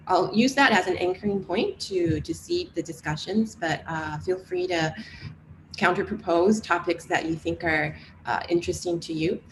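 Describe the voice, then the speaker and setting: A woman's voice: medium pitch, background noise. A woman moderating a panel discussion in an informal, polite way.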